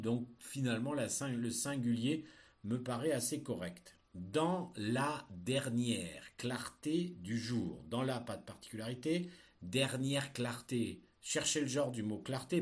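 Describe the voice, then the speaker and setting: A man teaching, dictating in a deliberate way and explaining grammar didactically, with questions put to the listener. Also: mid-range voice, darkish tone. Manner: dictating phrases slowly and deliberately, then explaining in quicker asides. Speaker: French teacher.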